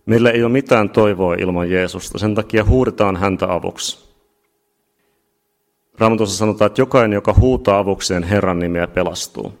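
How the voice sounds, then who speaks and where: A man preaching a sermon, emphatic and building to shouts at key points. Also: on the low side. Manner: emphatic, rising to shouts at climaxes.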